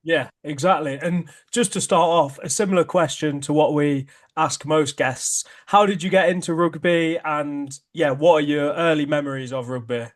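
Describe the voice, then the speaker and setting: A man hosts a casual podcast, his speaking voice a little higher than most men's. He keeps his questions short and relaxed. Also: normal speed, few pauses. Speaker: podcast host.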